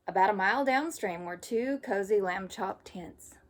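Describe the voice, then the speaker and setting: Reading to children as a teacher might, this woman tells the story expressively. Her voice is mid-range and her speed is normal.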